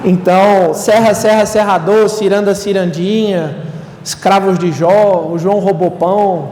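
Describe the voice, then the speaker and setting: A man's voice: high-pitched, fairly even intonation, unhurried, a little mellow. A young Brazilian man, a seminarian, gives a conversational lecture to a live audience, often tagging his sentences with "né?". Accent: Brazilian Portuguese. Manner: conversational, frequent "né?" tags. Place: lecture hall. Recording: echoey hall, distant mic, faint room noise.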